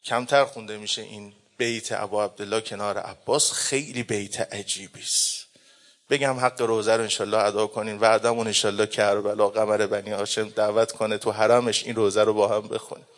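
A man preaching a mourning sermon, chanting the lament slowly and drawn-out, swinging between hushed and loud. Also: fairly low pitch, level tone. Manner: slow, drawn-out delivery.

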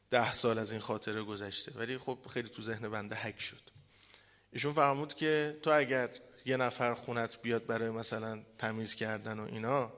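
A male cleric delivering a sermon, moving from impassioned preaching to a softer, mournful recitation. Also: medium pitch. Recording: long reverb of a hall.

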